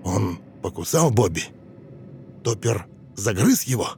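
Мужчина читает спокойного доктора-гипнотизёра. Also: male voice, lowish voice, sing-song, gravelly, dark tone, slight background noise, exaggerated voice. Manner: patient, measured questioning. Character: calm middle-aged male doctor questioning a patient. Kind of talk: audiobook reading.

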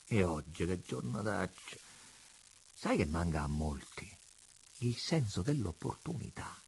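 A man reading a calm, probing father. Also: low-pitched, gravelly, slight background noise, heavily acted. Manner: calm, slow, teasing questions. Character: middle-aged father, calm, probing, coolly cruel.

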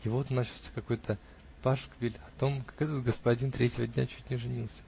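A man reading a classic novel aloud in the first person, with expressive storytelling. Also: medium pitch, brisk, vocal fry, a little hiss or hum.

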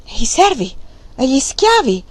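A woman's voice: lowish voice, big pitch swings, moderate pace, gravelly, a little mellow, slightly rough, exaggerated voice, poor audio. A woman reading an audiobook and voicing a timid, hesitant young male farmer who talks cautiously. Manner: cautious and polite.

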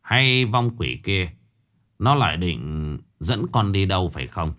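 A man voicing a stern middle-aged stepfather who knows about spirits, speaking gravely and quietly. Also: expressive, unhurried. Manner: grave, low and hushed.

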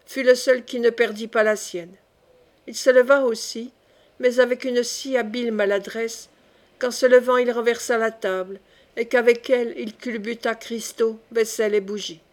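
Lectrice d'audiobook, voix de femme un peu aiguë, lecture posée d'un roman classique. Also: female voice, a little high, a little mellow. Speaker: audiobook reader. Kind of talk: audiobook narration.

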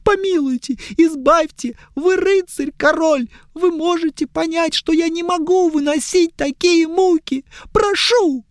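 A man's voice: extremely high pitch, a little slow, hardly any pauses, no echo, clean studio sound, voice pushed up. A man doing a whiny, tearful young elf. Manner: pleading, plaintive, near tears. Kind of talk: audiobook character voice.

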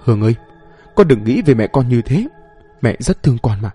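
A man voicing a tearful old grandmother in her seventies or older, pleading and gentle. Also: medium pitch, big pitch swings, brisk, breathy edge, faint music behind.

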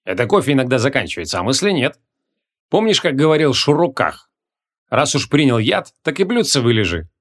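A man's voice: mid-range voice, very animated, a little fast. A male audiobook reader voicing a jolly, bald male archmage who jokes cheekily. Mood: joking. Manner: cheeky, joking.

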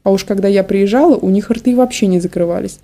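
A woman narrating a story in a calm, measured reading. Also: mid-range voice. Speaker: audiobook narrator.

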